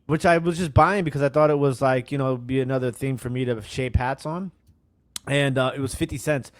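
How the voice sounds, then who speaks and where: A man's voice: mid-range voice, fairly even intonation, fairly quick, dry recording, clean studio sound. A man co-hosting a podcast, joking wryly in casual chat. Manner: wry, joking. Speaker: podcast co-host.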